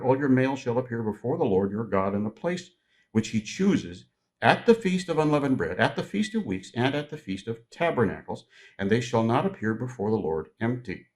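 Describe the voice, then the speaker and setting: A man preaching a sermon in a conversational teaching style, joking with the congregation and slowing down to stress key words. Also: medium pitch.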